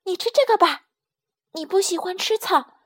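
A woman voicing a small, trusting baby ankylosaur boy in a children's storybook reading, high, eager and pleading. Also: expressive, moderate pace.

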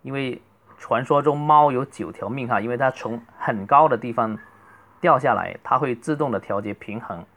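A middle-aged man, a native Chinese speaker, teaching a beginner English lesson and slowly drawing out each model phrase. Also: mid-range voice, a bit bright. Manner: slow, drawn-out model phrases between quicker explanations.

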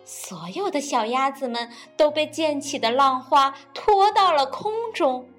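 A woman reads a children's picture book aloud in a playful, animated way. Her voice is high and moves all over the place, and she takes her time with each line. Soft music plays faintly behind her. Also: a little slow. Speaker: storyteller. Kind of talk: children's storybook reading.

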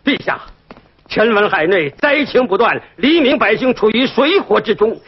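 An actor playing a loyal court minister in a period drama, earnestly urging his emperor with drawn-out, remonstrating phrases. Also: sits high, lively intonation, slight background noise. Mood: pleading. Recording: dull lo-fi TV drama audio.

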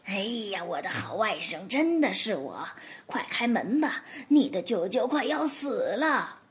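A woman voicing a scheming, hungry male wolf who begs in a low, pitiful, fawning voice. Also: animated, unhurried, husky. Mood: wheedling. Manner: wheedling, pitiful.

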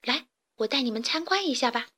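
A woman's voice: sits high, expressive, a little fast, bright, forceful tone, husky, exaggerated voice. A woman voicing a cheerful young male alien chick in a storybook, chirpy, eager and a little proud. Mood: lively. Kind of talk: storybook character voice.

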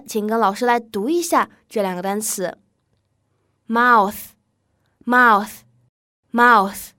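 A woman's voice: on the high side, no echo, clean studio sound. A woman teaching English pronunciation in an audio lesson, speaking to her students in a friendly, direct way.

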